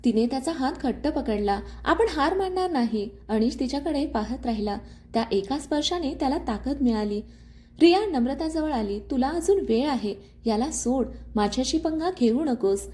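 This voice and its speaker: A woman narrates a dramatic story in a high, mellow voice. She carries the dialogue of every character in her own everyday voice, with scripted, steady storytelling. Her tone stays soft and warm throughout. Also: moderate pace.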